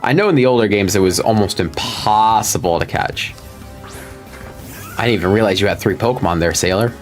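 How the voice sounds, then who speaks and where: A man's voice: fairly low pitch, brisk, soft background music. A man giving casual, rambling commentary as he plays a video game, chatty and full of fillers. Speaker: gaming video host. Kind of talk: casual let's-play commentary.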